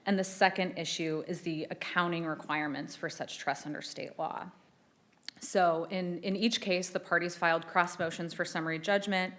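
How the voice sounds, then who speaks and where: A woman with a low voice makes a formal oral argument before appeals judges. She speaks in a measured way and restarts a phrase now and then when she answers questions. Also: fairly even intonation, fairly bright tone. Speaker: assistant attorney general arguing an appeal. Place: courtroom.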